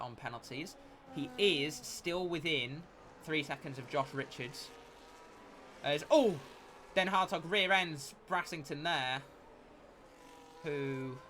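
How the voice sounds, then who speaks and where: A man giving live motorsport commentary as a race commentator, with an excitable delivery that rises at incidents. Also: medium pitch, noisy background.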